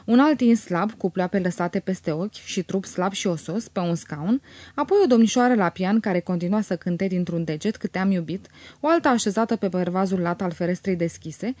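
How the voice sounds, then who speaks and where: Mellow-voiced woman narrating a novel. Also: lowish voice, no room sound. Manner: measured, expressive reading. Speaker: audiobook narrator. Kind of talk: literary audiobook narration.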